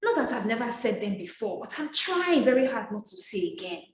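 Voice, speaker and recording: A woman from Nigeria coaching on etiquette in an emphatic, direct way. Her pitch sits fairly high and swings a lot. The room around her rings with echo. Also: fairly quick. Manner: emphatic, direct, scolding and lively. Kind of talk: motivational masterclass talk. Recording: roomy echo.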